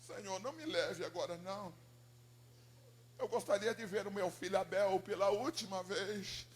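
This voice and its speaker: A man's voice: very high voice, measured pace, slight background noise, pitched above the performer's own voice. A man voicing a frail elderly mother who prays desperately for her lost son, her pleading rising to cries.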